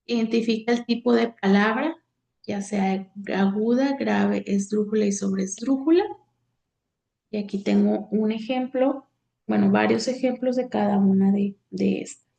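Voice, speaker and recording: Slow, gravelly woman teacher. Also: mid-range voice, steady tone, dark tone. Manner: halting, many fillers, reads from slides. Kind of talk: slide lecture on accent rules.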